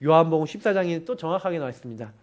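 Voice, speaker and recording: A man preaching a sermon, pressing his points home with repeated, urgent appeals to his listeners. His voice sits high for a man and rises and falls in wide, lively swings. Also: rapid-fire. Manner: emphatic, insistent, urging listeners repeatedly. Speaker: pastor.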